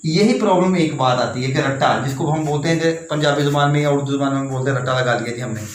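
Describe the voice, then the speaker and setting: A Pakistani English teacher with a mid-range voice talks quickly, explaining English spelling and pronunciation to learners in a classroom style. He spells words out letter by letter and repeats his points, recorded in an echoey room with faint background noise.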